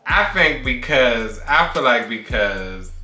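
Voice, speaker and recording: A man's voice: medium pitch, expressive, takes it slowly, sharp tone. Sassy playful man in his thirties. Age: 30s. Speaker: YouTuber, co-host. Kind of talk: casual chat. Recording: echoey room with faint music.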